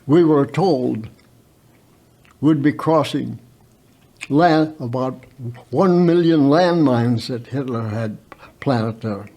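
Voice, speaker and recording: A very old man of about a hundred telling his own story unscripted as a veteran guest, haltingly, with repeated words and stammered starts. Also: mid-range voice, mellow. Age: very old, around 100.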